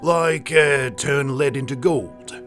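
A man's voice: medium pitch, slow, soft background music, natural voice. A man doing a breezy Australian bushman. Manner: breezy, slangy, matter-of-fact.

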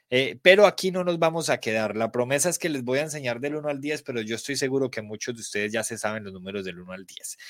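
A man's voice: medium pitch, a bit bright, no room sound. A Colombian man teaching a live online English class, spelling letters aloud and praising students by name. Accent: Colombian Spanish.

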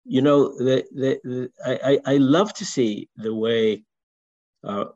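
A man's voice: medium pitch, slow pace, darkish tone. An older man with a Barbadian accent talks through his ideas in a casual discussion. He repeats his words often and builds long, wordy points. The recording is a little dull and lo-fi. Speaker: discussion participant. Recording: dull lo-fi sound.

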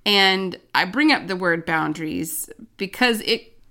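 A woman's voice: fairly low pitch, animated, a little slow, bright, forceful tone. Candid woman pastor co-hosting a chat. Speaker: pastor and podcast co-host. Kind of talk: casual chat.

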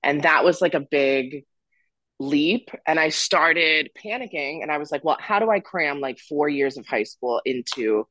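A man's voice: on the high side, expressive, a little slow, sharp tone, no echo. A man in his twenties who grew up in Florida, a podcast guest telling his story in a candid, rambling way with stops and restarts. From Florida, USA. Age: 20s. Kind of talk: casual interview storytelling.

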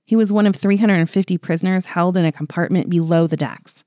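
Chatty woman with a low voice. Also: fast talker, warm tone, dry recording, studio quality. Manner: chatty, filler-heavy, wry asides. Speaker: podcast co-host. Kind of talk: casual storytelling about history.

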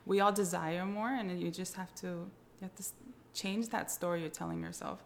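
A woman's voice: fairly low pitch, steady tone, moderate pace, vocal fry, a little hiss or hum. A woman co-hosting a podcast in casual chat, earnest and motivational, laughing readily. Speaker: podcast co-host.

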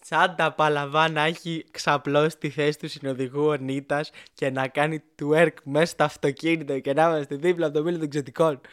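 A young man telling comic stories and acting out the people in them in his own lively way. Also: fairly high pitch, hardly any pauses. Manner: lively, acts out quotes in other voices. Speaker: stand-up comedian. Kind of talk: comic storytelling.

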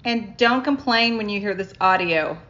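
A woman's voice: medium pitch, normal speed, a bit bright, highs cut off. A middle-aged woman co-hosting a podcast in casual chat, laughing often, recorded on a phone. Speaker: podcast co-host.

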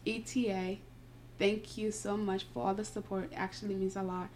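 A woman's voice: medium pitch, little pitch movement, moderate pace, darkish tone. A woman hosting a casual podcast, reading a post aloud, her speech slightly slurred by retainers. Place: indoors, home recording. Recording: buzzing noise in background.

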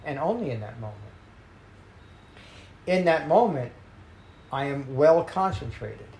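Gravelly-voiced man giving a dharma talk. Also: fairly high pitch, animated, darkish tone, reverberant, poor audio. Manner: measured, emphatic teaching with slowed key phrases. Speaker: meditation teacher. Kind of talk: dharma talk reading a sutta.

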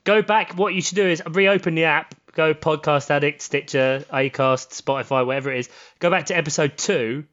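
Tired co-host, sweary and rambling, slightly high voice, muffled lo-fi audio. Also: male voice, fairly quick, few pauses, fairly bright tone. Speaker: podcast co-host. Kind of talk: casual chat.

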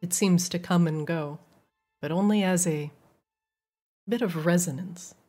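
Unhurried, husky woman game master. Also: on the low side, dark tone, soft background music. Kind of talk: narrating a tabletop role-playing game.

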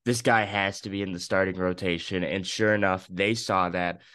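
A young man co-hosting a casual sports podcast, excited and opinionated, in his morning voice. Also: low-pitched, moderate pace, clear, resonant tone, dry recording. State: just woken up, morning voice. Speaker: podcast co-host.

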